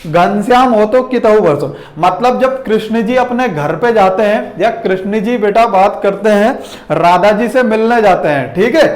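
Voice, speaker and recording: High-voiced man teaching a class. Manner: addresses students as "beta" and keeps asking quiz questions; checks in with "theek hai" throughout. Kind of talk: classroom lesson.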